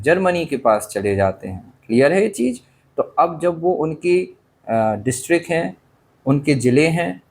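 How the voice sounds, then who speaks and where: A male teacher explaining an English chapter in a lesson, pausing to ask his class rhetorical questions and coughing now and then. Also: mid-range voice. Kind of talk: Hindi-medium English literature lesson.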